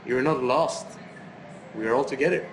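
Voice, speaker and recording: A man's voice: medium pitch, normal speed. A man speaking as a guest in a casual conversation, earnest and philosophical with slightly broken grammar. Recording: roomy and noisy.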